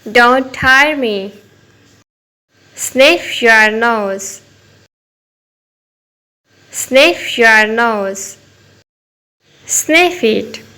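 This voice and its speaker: A woman teaching simple English phrases to children, saying each one slowly and clearly twice. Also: on the high side, pushed and bright, rough recording. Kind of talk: repeating phrases for learners.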